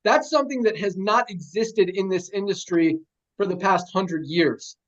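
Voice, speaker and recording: A man's voice: high voice, moderate pace, lo-fi sound. A man hosting a company sales call, giving a hyped motivational rally speech full of rallying cries.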